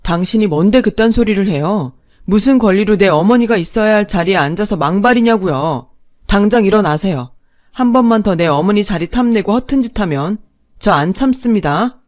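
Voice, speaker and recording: A woman's voice: mid-range voice, animated, moderate pace, darkish tone, no room sound, clean studio sound, close to an everyday voice. A woman voicing a young husband who speaks sternly and firmly to protect his mother. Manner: stern, firm.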